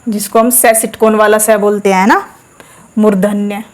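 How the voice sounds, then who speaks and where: A woman teaching a lesson, explaining step by step, asking questions and answering them herself, and saying sounds aloud slowly for practice. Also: medium pitch, steady tone. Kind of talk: classroom lesson.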